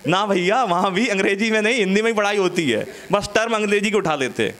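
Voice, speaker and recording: A male stand-up comic with a notably high voice, spinning stories in a loose, chatty way. He keeps breaking off to banter with his audience on a small studio stage. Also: expressive, quick pace, a bit bright. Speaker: stand-up comedian. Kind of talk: stand-up comedy set.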